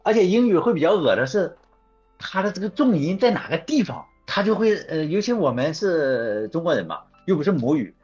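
Husky, lively-voiced man chatting. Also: fairly high pitch, a little fast. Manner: rambling, anecdotal, self-correcting. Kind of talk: casual chat. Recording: dull lo-fi sound with faint music.

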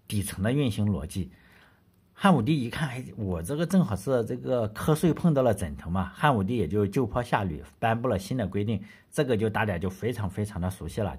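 A man's voice: medium pitch, darkish tone, husky. A man hosting a history podcast, telling the story in a blunt, colloquial way that is full of rhetorical questions and casual swearing.

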